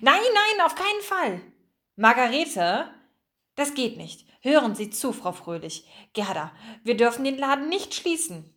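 A jittery woman shop helper, as a woman reader puts her on in a children's audiobook. Her voice is high, shaky and a little shrill. She sounds nervous and eager to be believed. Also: big pitch swings, a little slow, fairly bright tone, full character voice. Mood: anxious.

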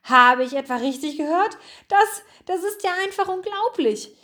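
A woman voicing an excitable male mouse whose voice cracks with excitement, for a storybook. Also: moderate pace. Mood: overjoyed. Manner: breathless, voice cracking high.

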